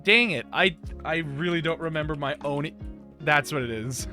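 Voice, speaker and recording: A man's voice: fairly high pitch, normal speed, sharp tone, faint music behind. A man hosting a livestream, chatting casually in a rambling, self-interrupting way. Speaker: stream show host.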